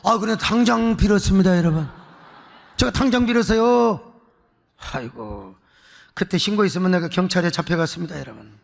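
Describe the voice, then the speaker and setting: A man who is a pastor preaching a sermon, telling a story with acted-out voices and shouts. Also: sits high, lively intonation, fairly quick, gravelly. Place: large church sanctuary. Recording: long hall reverb.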